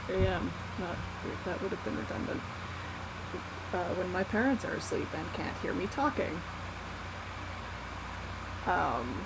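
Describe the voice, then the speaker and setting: A young adult vlogger speaking in a halting, candid, self-deprecating way in a casual unscripted confessional. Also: medium pitch, gravelly. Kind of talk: casual unscripted confessional vlog, one take. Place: small warm bedroom at night. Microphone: laptop built-in mic. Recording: laptop mic with loud fan noise. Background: whirring fan.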